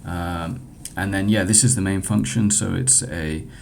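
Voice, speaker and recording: A man giving an informal software demo walkthrough as a developer, speaking in a hesitant, halting way with frequent stumbles. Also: steady tone. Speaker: hackathon developer presenting own project. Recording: clear background noise with low rumble.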